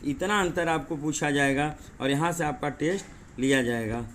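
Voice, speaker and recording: A male teacher with a slightly high voice leads an exam-prep lesson. He explains paired words slowly, repeats them and keeps asking rhetorical questions to his viewers. A faint hum sits under the voice. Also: a bit bright. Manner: says 'dekhiye' and 'thik hai' often.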